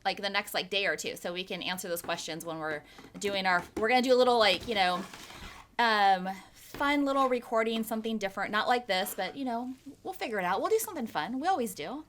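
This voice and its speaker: A woman co-hosting a casual podcast chat, animated, laughing often and talking with lots of fillers. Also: mid-range voice, brisk, a little hiss or hum. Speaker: podcast co-host.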